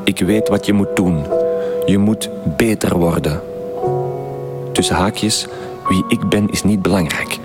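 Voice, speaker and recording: A man voicing a calm, kindly letter writer who gives advice in a slow, measured way. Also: sits low, pitched below the performer's own voice. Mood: gentle advice. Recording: loud music behind, distant voice.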